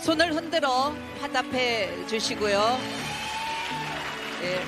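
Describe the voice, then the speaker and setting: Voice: high-pitched, expressive, takes it slowly, over a noisy crowd. An event host making formal, polite and ceremonious announcements from a convention stage. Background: loud music.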